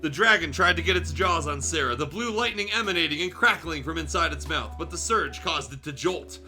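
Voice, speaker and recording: A man streams himself reading fan fiction, his fairly high, expressive voice pushed and bright and moving fairly quickly. The animated narration is dramatic but relaxed, with casual asides and minor self-corrections, and music plays behind him.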